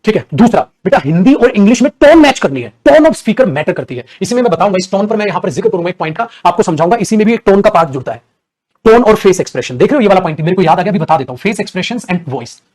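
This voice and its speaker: A man with an Indian accent teaching spoken English in a lively classroom lecture that switches between Hindi and English and acts out examples. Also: high-pitched, fast talker. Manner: animated, acts out examples, addresses students as dear and beta.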